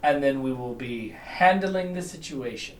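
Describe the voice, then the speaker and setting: A man's voice: mid-range voice, lively intonation, measured pace, far from the mic. A man playing in a tabletop game, speaking casually. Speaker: player. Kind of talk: casual chat. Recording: echoey room from off-mic.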